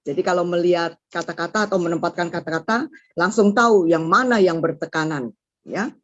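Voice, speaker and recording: A woman's voice: fairly low pitch, fairly quick, dry recording. A woman giving a lecture on writing liturgical songs, explaining step by step and stopping to sing example notes. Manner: explains step by step, often ends phrases with "ya", sings example notes. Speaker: liturgical music instructor. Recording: dull lo-fi recording.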